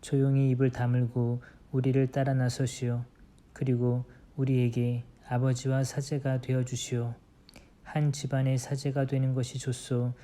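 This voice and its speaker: A man reading the quoted words of armed male tribesmen, in a lower and softer tone than his narration. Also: monotone, unhurried, close to an everyday voice. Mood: stern. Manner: quoted lines read plainly, lower and softer.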